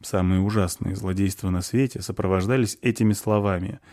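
Man voicing a grim dwarf woman, blunt, sardonic, warm dry tone. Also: sits low, steady tone, a little fast, no echo.

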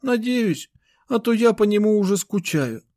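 A man's voice: expressive, moderate pace, a little mellow. A man voicing a tearful little girl, the narrator's younger sister, in an audiobook. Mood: hopeful. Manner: pleading, high childish voice.

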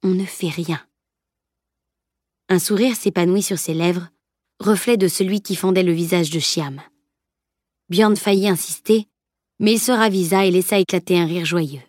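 A woman narrating a fantasy novel as an audiobook in a steady, measured read. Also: lowish voice, no room sound, clean studio sound. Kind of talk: scripted narration.

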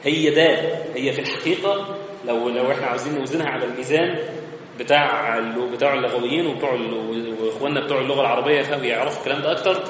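A man's voice: mid-range voice, rapid-fire, fairly bright tone, slight background noise. A man with an Egyptian Arabic accent giving a religious lesson in a mosque, explaining step by step in a conversational way. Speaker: religious teacher. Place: large mosque hall. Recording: echoey mosque hall, slightly muffled.

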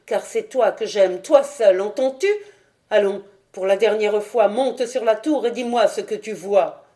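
A woman's voice: mid-range voice, dark tone, close to an everyday voice. A woman voicing a passionate, vengeful young princess who pleads and cries out in a storybook reading. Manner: pleading, raised urgent delivery.

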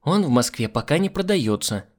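A man's voice: on the high side, sing-song, a little fast, voice pushed up. A man doing a snappish scheming young woman. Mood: sharp, coaxing. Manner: sharp, snappish, falsely sweet.

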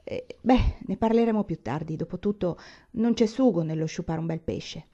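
Brief: woman reading a devoted wife, subdued and gentle, warm low-key voice, audiobook. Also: normal speed, lo-fi sound. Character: tender, quiet Japanese wife, practical.

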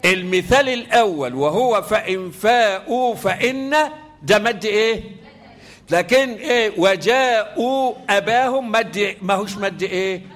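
Speaking in a fairly high, fairly bright voice at normal speed, a man with an Egyptian Arabic accent teaches the rules of Quranic recitation. He drills students with repeated call-and-response questions and chants the verses melodically in between.

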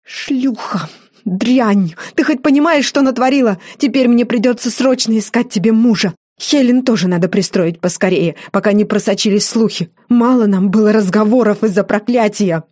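A woman's voice: mid-range voice, slow, hardly any pauses, breathy edge, no room sound, clean studio sound. A woman reading an audiobook, voicing a stern aristocratic mother who scolds in harsh outbursts. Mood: furious. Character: stern aristocratic mother-in-law, shrill and furious.

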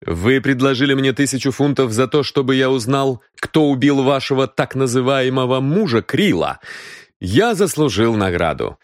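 A man's voice: medium pitch, animated, dry recording, clean studio sound, voice pushed up, natural voice. Man as a cold stern detective. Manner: cold, measured, firm. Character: cool, stern male detective.

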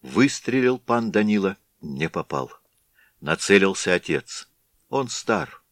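A man narrating a classic tale in a measured, dramatic storytelling manner, recorded in a studio. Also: deep voice, sing-song, a bit bright, no echo. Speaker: audiobook narrator.

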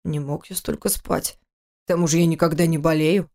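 A hoarse, grumpy man in his thirties, sick with fever, mumbling slowly and sullenly in a lowered voice, as a woman narrator puts him on. He sounds dull and puzzled in a storybook reading. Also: fairly even intonation, dark tone. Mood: grumbling.

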